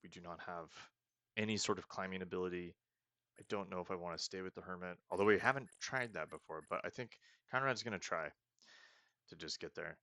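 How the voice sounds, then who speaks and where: A man hosting a let's play talks casually through a roleplay video game, thinking aloud and often restarting sentences. His low voice is brisk, pushed and bright, in a dry recording.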